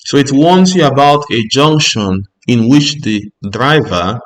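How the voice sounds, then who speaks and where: A man's voice: mid-range voice, unhurried. Patient man tutoring road sign rules. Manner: reads each sign's rule aloud, then explains it patiently, often checking with "Ok?". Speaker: driving theory tutor. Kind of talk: explanatory lesson.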